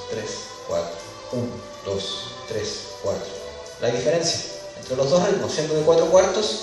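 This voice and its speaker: Preacher counting beats in an echoey hall. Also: male voice, sits high. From Chile. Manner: explains step by step, counts beats aloud. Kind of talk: sermon teaching on music theory. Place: church hall. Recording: very echoey church hall, mic far off.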